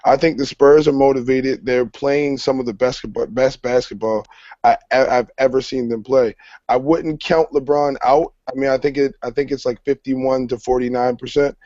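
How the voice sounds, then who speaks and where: A man's voice: medium pitch, steady tone, normal speed, mellow, no room sound. A man co-hosting a casual sports podcast, laid-back and argumentative. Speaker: co-host. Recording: dull lo-fi recording.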